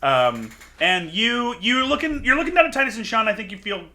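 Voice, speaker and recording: A man narrating a tabletop game as game master, halting with lots of fillers and giggles. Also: high-pitched, very animated, pushed and bright.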